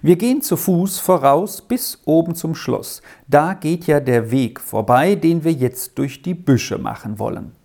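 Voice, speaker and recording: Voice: medium pitch, expressive, unhurried, gravelly, few pauses, mellow. A reader voicing an insistent, well-off lady traveler who scolds and commands in an audiobook story. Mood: cheerful. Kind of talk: audiobook reading.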